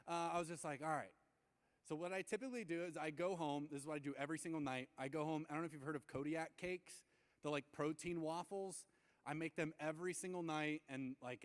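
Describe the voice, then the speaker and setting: A young adult man giving a youth sermon. He tells stories with lots of fillers and acts out the quotes with big jumps in pitch. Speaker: youth pastor. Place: church hall. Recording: long reverb of a large hall.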